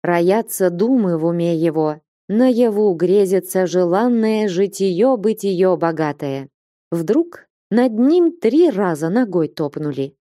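A woman narrating classic prose as an audiobook, measured and expressive. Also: fairly low pitch, no room sound, clean studio sound.

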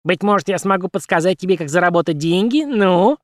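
A man voicing a shrill, pushy male puppet showman with a squeaky, birdlike voice. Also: fairly quick, no echo, clean studio sound. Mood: wheedling. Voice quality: squeaky, high birdlike chirp. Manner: grandly flattering, exclamatory barker. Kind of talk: audiobook character voice.

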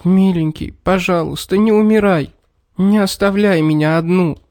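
A man voicing an earnest, tender young girl in a high eager voice. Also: normal speed, a little mellow, close to an everyday voice. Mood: pleading.

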